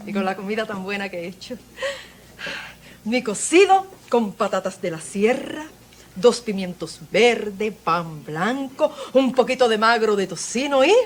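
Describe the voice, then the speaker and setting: Una actriz cubana interpreta a la joven esposa del zapatero, de genio vivo y dramático, que pasa de regañar a lamentarse entre exclamaciones. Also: female voice, mid-range voice, slight background noise, close to an everyday voice. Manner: exclamatory, swinging between scolding and lament. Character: fiery young shoemaker's wife, quick-tempered, dramatic. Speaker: stage actress. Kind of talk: theatre performance.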